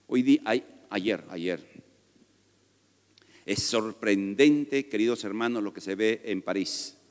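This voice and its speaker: A man's voice: lowish voice, slow pace. A man preaching a sermon as pastor, emphatic and conversational, with joking asides to his congregation. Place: church sanctuary. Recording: reverberant church hall.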